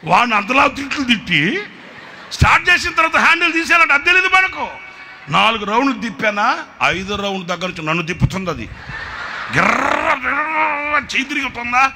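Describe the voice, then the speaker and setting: Forceful, animated man preaching. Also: extremely high pitch, fast talker, a little hiss or hum. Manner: animated, bursts into shouting when acting out quotes. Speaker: pastor. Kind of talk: sermon with storytelling. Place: church service.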